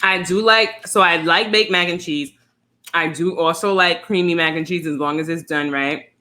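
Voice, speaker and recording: A woman's voice: fairly low pitch, normal speed. A woman co-hosting a casual online show, chatting easily about food while eating. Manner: relaxed, chatty, talks with her mouth full. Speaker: co-host. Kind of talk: casual chat.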